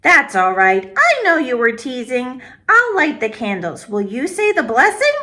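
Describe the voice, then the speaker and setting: A doting little old grandmother from a storybook, chatty and motherly as she fusses over her guest, put on by a woman reading aloud. Her voice sits high and swoops up and down in a bright, clear tone. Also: wildly swooping pitch, unhurried, heavily acted. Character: kindly fussing old grandmother, small and warm-hearted.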